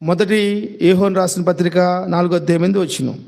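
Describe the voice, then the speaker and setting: High-voiced man preaching with rhetorical questions. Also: fairly even intonation, fast talker, creaky, a little mellow. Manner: asks repeated rhetorical questions; addresses listeners directly and fondly. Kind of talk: sermon.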